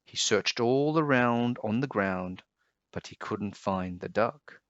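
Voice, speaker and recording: A man reading a children's storybook aloud in an expressive, dramatic way. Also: lowish voice, slow, dry recording, highs cut off.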